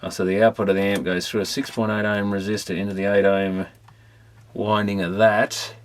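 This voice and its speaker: With a lowish voice that barely moves in pitch, an Australian man talks a little fast while working on electronics repairs as a hobby. His commentary is casual, rambling and self-directed, captured on a clearly noisy recording full of clicks.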